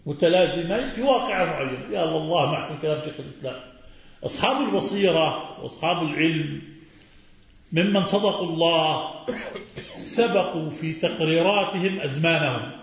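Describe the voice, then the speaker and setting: A man teaching a religious lesson as an Islamic scholar. He answers questions, quizzes his listeners and repeats key words. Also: sits high. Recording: very echoey, muffled recording.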